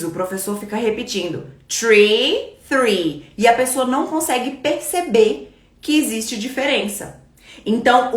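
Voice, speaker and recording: Female teacher, live lesson, expressive higher voice, slow emphatic repeats, roomy sound. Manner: explanatory, repeats key phrases, slows for emphasis. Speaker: English teacher.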